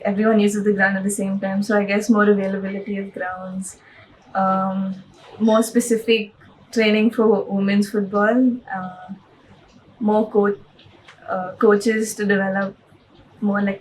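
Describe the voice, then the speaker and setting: A woman's voice: medium pitch, level tone, normal speed, a little hiss or hum, low-quality recording. A woman from India, a football player answering interview questions in a chatty way, often searching for words.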